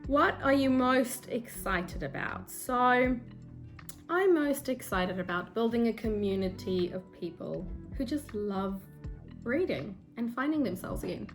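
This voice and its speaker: Faint music plays behind this expressive, slightly high female voice speaking at a measured pace. She's a young book vlogger from South Africa, an Afrikaans native speaker with a South African accent, talking to camera in a relaxed, self-deprecating way full of ums. The audio comes from a phone or camera mic on her desk.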